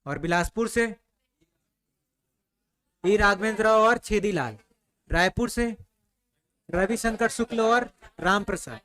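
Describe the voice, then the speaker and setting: A man's voice: sits high, lively intonation, slow pace, long pauses, fairly bright tone. A man teaching a history class, quizzing students and answering his own questions in a conversational way. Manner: conversational, repeats "ठीक है" often.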